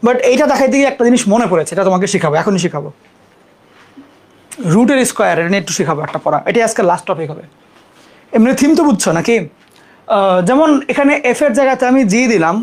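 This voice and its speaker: A young adult teacher, giving a casual live math lesson, repeating terms slowly for students to copy and apologizing quickly for mistakes on the board. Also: mid-range voice, a little mellow.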